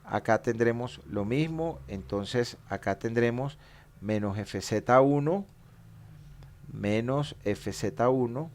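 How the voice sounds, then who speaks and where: A man's voice: mid-range voice, slow, a little mellow, a little hiss or hum. A man teaching a statics class, explaining equations patiently and stopping to correct his own mistakes.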